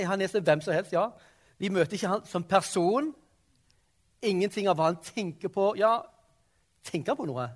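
A man with a fairly high voice leads a classroom discussion. He tosses questions to the class and keeps checking that they follow. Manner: questioning, prompting the class with frequent "sant?" and "ok?". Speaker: teacher.

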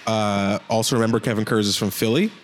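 A man's voice: lowish voice, steady tone. Man joking on a hockey podcast. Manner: joking, rambling, quick asides. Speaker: podcast co-host. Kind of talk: casual hockey podcast chat.

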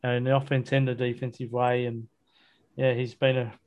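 A man with an Australian accent and an average-pitched voice chats casually about sport as a podcast host. His delivery is blokey and colloquial, like talk between mates. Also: level tone, normal speed, darkish tone. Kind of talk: casual football chat, match review.

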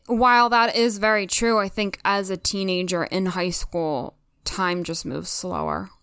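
A woman's voice: mid-range voice, lively intonation, measured pace, a bit bright, clean tone, no echo, studio quality. A woman co-hosting a podcast, casually and reflectively discussing a TV episode, with many "like"s. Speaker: podcast co-host.

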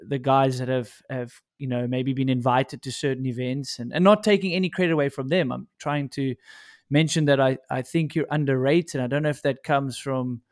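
A man with a South African accent, chatting casually as he interviews a guest. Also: medium pitch. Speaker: podcast host interviewer.

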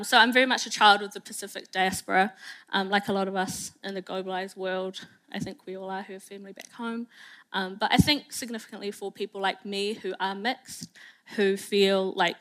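A woman's voice: medium pitch, a bit bright, rough recording. A woman of Solomon Islands and English heritage, giving a self-deprecating public talk with jokes and fillers. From Solomon Islands and England heritage. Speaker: speaker on a panel.

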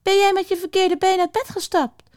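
A woman reading aloud, voicing a shrill, bossy, teasing witch in a children's story. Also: little pitch movement, brisk, darkish tone, dry recording, studio quality.

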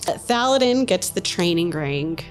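A woman's voice: fairly low pitch, expressive, normal speed, soft background music. Casual woman player reading a will. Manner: casual, reading items aloud with dry humor. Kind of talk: casual tabletop game play.

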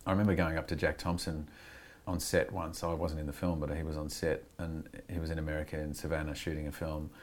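A middle-aged Australian actor speaks candidly in a reflective, conversational interview, rambling with frequent restarts and lots of "you know." His voice is extremely low, with little pitch movement, and he talks fast.

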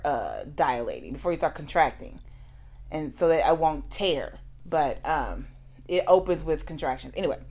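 A woman hosting a podcast, telling a personal story in a conversational way and acting out what others said. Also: lowish voice. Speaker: podcast host.

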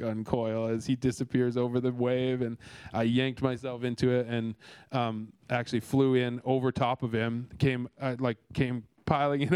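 A man's voice: mid-range voice, a little mellow, clear, resonant tone, dry recording. A man from Canada giving a casual devotional talk, earnest and rambling, with many restarts and fillers. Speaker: speaker sharing a devotional.

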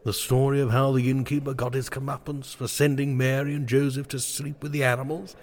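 A man's voice: mid-range voice, little pitch movement, a little fast, natural voice. An actor playing a pompous, bumbling, gluttonous medieval king in a comic drama, wordy and dithering. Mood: chatty, amused. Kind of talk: comic audio drama acting.

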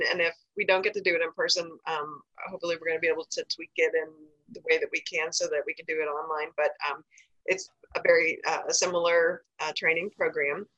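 Bright-voiced, lowish American woman, halting delivery. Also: poor audio. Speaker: podcast guest, safe zone trainer. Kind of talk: informal informational podcast talk.

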